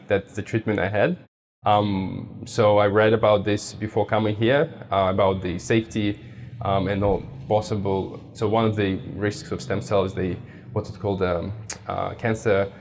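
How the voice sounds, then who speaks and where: A young man answers interview questions in a fairly low voice. He speaks casually and haltingly, often breaking off and restarting mid-sentence as he searches for the right word. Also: steady tone, darkish tone. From Russia. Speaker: patient interviewee.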